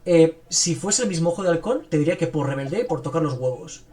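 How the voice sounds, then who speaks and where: A man's voice: fairly high pitch, expressive, quick pace, a little mellow. A man hosting a podcast, chatting casually and enthusiastically about films. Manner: enthusiastic, rambling, frequent fillers. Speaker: podcast host. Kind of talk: casual film review chat.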